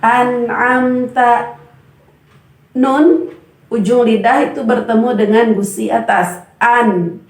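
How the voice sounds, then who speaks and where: A woman with a somewhat high, gravelly voice teaches Quran recitation at an unhurried pace. She patiently sounds out each letter and repeats the examples. Her voice carries a roomy echo. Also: a little mellow. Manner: patient, demonstrates sounds slowly and repeats them. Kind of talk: tajweed lesson with recited examples.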